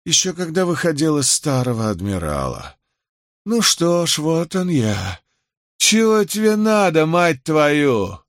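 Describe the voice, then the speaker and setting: A man voicing a drunk, furious older male orphanage master who shouts and wheezes threats in an audiobook. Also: medium pitch, sing-song, unhurried, gravelly, slightly rough, no echo, studio quality, exaggerated voice. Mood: slurred menace.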